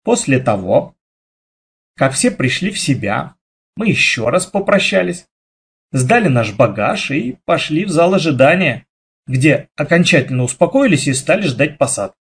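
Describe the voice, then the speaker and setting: A man narrating a children's story aloud with lively, dramatic storytelling. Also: a little high, moderate pace, husky. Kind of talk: expressive children's audiobook reading.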